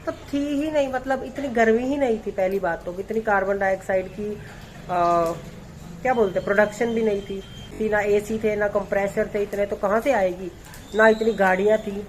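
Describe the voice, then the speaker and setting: A man's voice: very high voice, a little hiss or hum, low-quality recording. A young man from Punjab, a dance content creator talking through a casual daily vlog in a chatty, rambling, playful way. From Punjab, India. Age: young adult.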